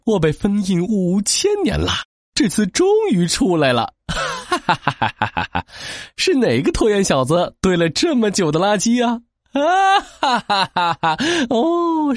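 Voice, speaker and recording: A giant garbage monster king from a children's storybook, declaiming like a pompous villain. The pitch leaps wildly above the narrator's register, and the delivery is drawn out and bombastic, recorded very dry. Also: no echo, heavily acted. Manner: theatrical villain monologue with gloating laughs and wails. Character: giant smelly garbage demon king, bombastic, gloating, easily hurt. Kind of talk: children's audio storybook character.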